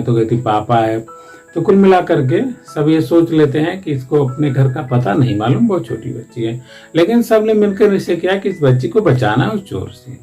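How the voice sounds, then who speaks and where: A man's voice: mid-range voice, dark tone. A man, a teacher, explaining the story of a one-act play from a Hindi textbook in a loose, rambling way with frequent restarts.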